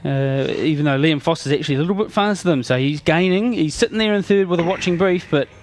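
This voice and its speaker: A man's voice: fairly high pitch, fast, dry recording. A man giving conversational motorsport analysis as co-commentator, hesitantly rephrasing as he goes.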